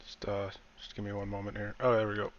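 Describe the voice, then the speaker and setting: A man's voice: fairly low pitch, monotone, fast talker. A man casually answering during an online meeting, his voice coming through dull, degraded voice chat audio. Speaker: stream helper in a guild meeting. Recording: dull lo-fi voice chat with faint hiss.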